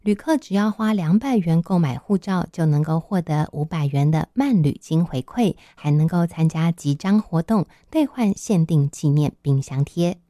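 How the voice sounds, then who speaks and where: A woman anchors the radio news in a formal, scripted style with a Taiwanese Mandarin accent. Her voice is on the low side and mellow. The sound is very dry. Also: expressive, normal speed, few pauses, dry recording.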